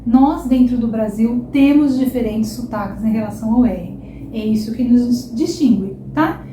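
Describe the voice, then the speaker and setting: A woman's voice: on the high side, unhurried. A young woman from São Paulo with a Paulista accent gives an online Portuguese pronunciation lesson and keeps checking in with "tá?" and "ok?". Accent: São Paulo Brazilian Portuguese. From São Paulo, Brazil. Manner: explanatory, often checks in with "tá?" and "ok?". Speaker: Portuguese teacher. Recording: echoey room, faint background hiss.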